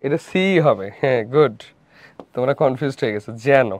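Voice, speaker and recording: With a mid-range, darkish voice and a slightly fast delivery, a young man leads a live online revision session. He asks questions, says them again, and supplies the answers himself. There's no echo, and the dry stream sound is dull and low quality.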